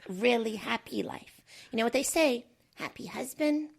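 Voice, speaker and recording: A woman playing a chipper, breathy, zealous femininity coach in an improvised comedy sketch. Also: fairly high pitch, animated, normal speed, pitched above the performer's own voice, full character voice. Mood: perky.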